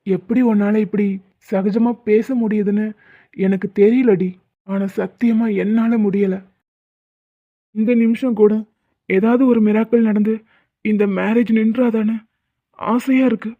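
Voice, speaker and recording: A woman's voice: medium pitch, steady tone, measured pace, long pauses, no room sound, close to an everyday voice. A woman voicing a heartbroken young man in a cartoon drama, talking in a pleading, emotional way. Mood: despairing. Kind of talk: cartoon voice acting. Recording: dry, phone-like lo-fi.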